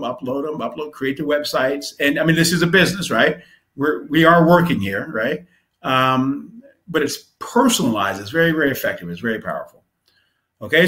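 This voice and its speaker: A man's voice: mid-range voice, fairly bright tone. Guy on a livestream explaining marketing, laid back, lots of um and right?. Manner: conversational, many fillers and repeated "right?"; reads his own letter aloud. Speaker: speaker teaching marketing on a live stream. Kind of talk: casual instructional talk.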